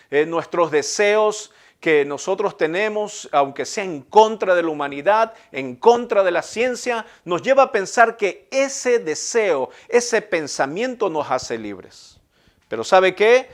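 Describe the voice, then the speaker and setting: A middle-aged Ecuadorian man with a Guayaquil Spanish accent preaches a sermon as a pastor in a high-pitched voice. He leans on emphatic repetition and rhetorical questions.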